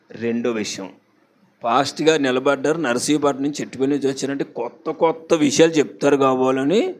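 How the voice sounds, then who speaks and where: Man, pastor, Visakhapatnam accent, fairly high-pitched, conversational sermon, questions the congregation. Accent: Visakhapatnam Telugu. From Andhra Pradesh, India.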